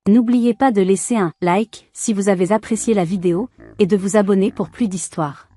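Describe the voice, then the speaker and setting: A woman giving a calm, measured first-person story narration as the channel's storyteller. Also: mid-range voice, dry recording, clean studio sound.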